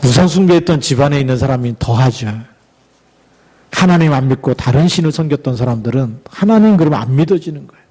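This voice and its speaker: A middle-aged male pastor delivering a sermon, exhorting the congregation with rhetorical questions and reading scripture aloud slowly for emphasis. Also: mid-range voice, lively intonation, warm tone.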